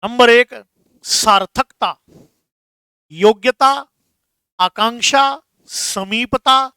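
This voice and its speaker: High-voiced, slow-talking male teacher. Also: bright, forceful tone, smooth, no room sound. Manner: explains slowly, repeats terms, calls students "beta". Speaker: Hindi grammar teacher. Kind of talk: classroom lesson.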